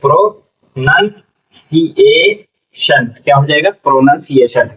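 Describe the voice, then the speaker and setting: A man teaching a classroom phonics lesson, sounding out syllables slowly and asking students to repeat. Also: medium pitch. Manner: slow, spells out syllables, repeats questions to students. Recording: dull lo-fi sound from a distant mic.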